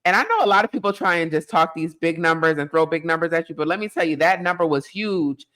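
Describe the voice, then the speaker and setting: A woman's voice: deep voice, quick pace, fairly bright tone. A woman speaking as a guest business coach in a casual interview, direct and pushy, with casual slang.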